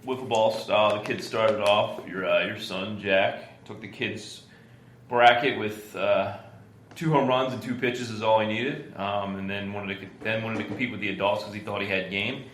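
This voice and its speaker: A man with a deep, low-pitched voice that sounds groggy and tired chats casually as a podcast co-host. He rambles easily through stories, padding them with fillers. The room around him is echoey, with a faint hiss of noise behind. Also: fairly even intonation, normal speed, a bit bright. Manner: easygoing, filler-heavy storytelling. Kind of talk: casual chat.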